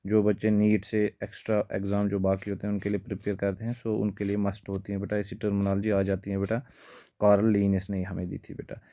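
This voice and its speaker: A man's voice: on the low side, monotone, fast, dark tone, dry recording, muffled recording. A male biology teacher giving an exam-prep lecture, calling his students "beta" again and again and mixing English terms into his talk.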